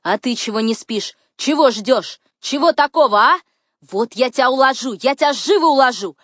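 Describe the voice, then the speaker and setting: A woman voicing a rough, wild servant woman who taunts loudly, in a dry recording. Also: high-pitched, animated, normal speed, dry recording, voice pushed up. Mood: taunting. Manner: taunting, loud.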